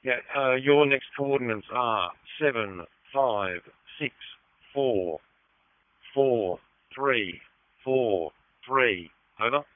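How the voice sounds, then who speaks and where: A man working as a headquarters radio operator, slowly reading out numbers and using radio procedure over a two-way radio. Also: medium pitch, no room sound. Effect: two-way radio transmission. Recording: narrow-band walkie-talkie audio, dry.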